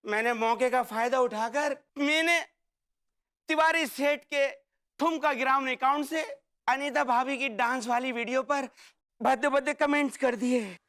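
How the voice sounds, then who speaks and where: A man's voice: extremely high pitch, unhurried, pushed and bright, heavily acted. An actor playing a loyal, dramatic young male servant, melodramatic and pleading. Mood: confessing. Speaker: sitcom character. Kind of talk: sitcom acting.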